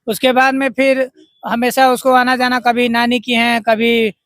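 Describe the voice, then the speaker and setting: A man's voice: very high voice, monotone, unhurried, a bit bright, no room sound, studio quality. A man from Bihar answering a reporter's questions about his missing wife, speaking plainly and repeating himself earnestly. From Bihar, India. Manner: plain, repetitive, earnest telling. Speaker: husband of missing woman, interviewee. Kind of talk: street interview.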